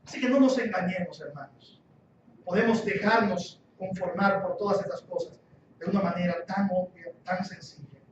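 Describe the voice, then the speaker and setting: High-voiced pastor preaching in an echoey hall. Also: male voice, slight background noise. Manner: emphatic, repeats key phrases, rhetorical questions. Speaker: guest pastor. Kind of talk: sermon. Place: church hall. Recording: echoey church hall, distant dull mic.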